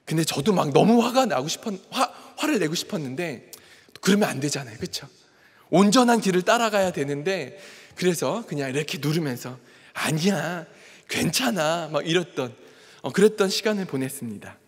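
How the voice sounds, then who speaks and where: A man's voice: on the high side, lively intonation, a little fast, husky. A man preaching a sermon as a pastor, telling a personal story and acting out the quoted dialogue. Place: large church sanctuary. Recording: long church hall reverb.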